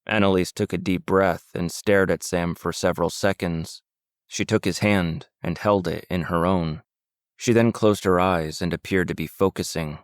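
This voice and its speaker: A man narrating a supernatural mystery audiobook in a calm, even storytelling manner. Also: low-pitched, moderate pace, clear, resonant tone, no echo, clean studio sound. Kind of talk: scripted narration.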